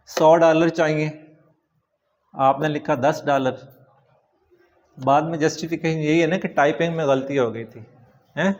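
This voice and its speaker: A man with a Pakistani accent and a somewhat high voice teaches a classroom vocabulary lecture. He reads English words slowly and then explains them in Urdu.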